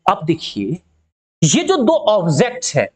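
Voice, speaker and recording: A woman's voice: on the low side, wildly swooping pitch, slow pace, breathy edge. A woman teaching physics in an online lesson. She asks the class rhetorical questions, keeps checking that they follow, and calls them by fond names. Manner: addresses students affectionately.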